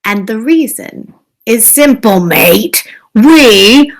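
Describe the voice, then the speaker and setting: A woman's voice: on the high side, expressive, very slow, heavily acted, poor audio. A woman reading aloud and voicing a group of grumpy piranhas who insist on what they eat. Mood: exasperated. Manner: exasperated, insistent.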